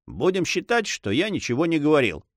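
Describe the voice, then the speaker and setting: A man voicing an excitable, easily discouraged male sailor who complains and exclaims. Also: a little high, brisk, dry recording, studio quality, voice pushed up.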